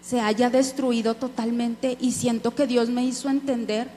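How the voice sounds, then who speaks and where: In an echoey church hall with a faint hum, a woman preacher speaks earnestly, giving her testimony and calling her listeners brothers. Her voice is on the high side, warm and level in tone, and a little slow.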